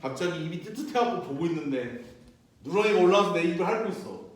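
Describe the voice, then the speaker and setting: Loud, joking male teacher in an echoey room. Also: high voice, fast. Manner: loud, joking, slangy, animated storytelling. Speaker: physics teacher. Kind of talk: lecture. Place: classroom. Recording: very echoey room, mic far off.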